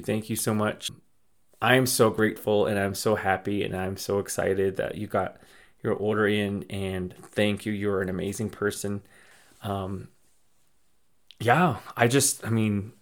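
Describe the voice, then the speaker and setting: A man with a slightly low voice talks through a loose, casual update as a podcast host. He rambles, starts over mid-sentence and repeats his thanks in an effusive, grateful way. He is from the southwestern United States. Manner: rambling, restarts and repeats phrases. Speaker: podcast host and small business owner.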